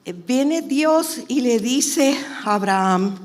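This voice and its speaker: A woman preaches at an unhurried pace, letting her words land one at a time. She drops to a near whisper for the story, then climbs into loud, shouted declarations, with her own testimony woven in. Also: a little high, lively intonation. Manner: swings from hushed whispers to shouting; personal testimony. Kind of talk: sermon.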